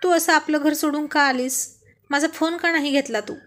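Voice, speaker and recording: A woman's voice: high-pitched, steady tone, normal speed, a bit bright, pitched above the performer's own voice. Woman doing teasing, stubborn young husband. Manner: coaxing, teasing, firm.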